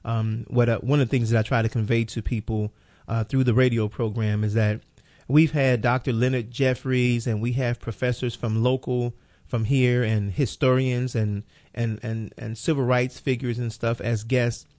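A man's voice: medium pitch, level tone, normal speed, a little mellow, dry recording. A man hosting a radio program, talking in a casual, rambling way as he sets up questions for a guest. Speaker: radio show host. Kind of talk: radio interview.

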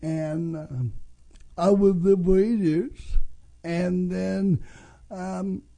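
A man of fifty-five with a North Dakota accent, telling his own story as an interview guest in halting, broken phrases. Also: sits high, fairly even intonation, gravelly, dark tone. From North Dakota, USA. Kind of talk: radio interview, personal story. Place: radio studio. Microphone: studio microphone.

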